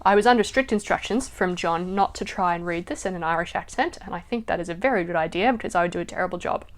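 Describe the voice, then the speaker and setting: A woman reading poems aloud slowly and softly, her voice trailing off at the ends of lines. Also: lowish voice. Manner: slow, soft reading that trails off at line ends. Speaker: poetry reader. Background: soft acoustic guitar music.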